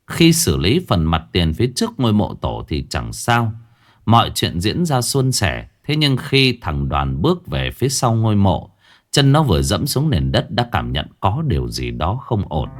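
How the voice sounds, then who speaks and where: A man's voice: lowish voice, huge pitch swings, normal speed. A man narrating a ghost story in a dramatic storytelling manner.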